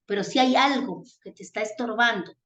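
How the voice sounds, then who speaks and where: A woman's voice: a little high, a little fast, a bit bright. A woman from Ecuador preaching a sermon, earnest and tender, calling her listeners family. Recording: echoey room.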